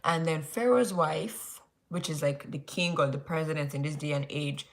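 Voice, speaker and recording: Speaking at a moderate pace in a low voice, this young woman with a Nigerian accent runs a casual Bible study stream late at night. Her talk wanders, with frequent restarts and "like" cropping up constantly.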